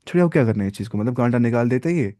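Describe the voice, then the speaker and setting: Teacher: man, lively question-and-answer delivery, dry close sound. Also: mid-range voice, very fast, no room sound. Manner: lively, asks the class questions and answers them himself. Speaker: biology teacher. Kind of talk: live online lesson.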